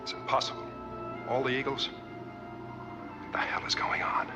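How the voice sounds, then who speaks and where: An actor playing a tense, commanding moon base commander in a 1970s science fiction television drama. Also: male voice, mid-range voice, animated, quick pace, music in the background, natural voice. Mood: tense, urgent. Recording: loud dramatic score behind dialogue.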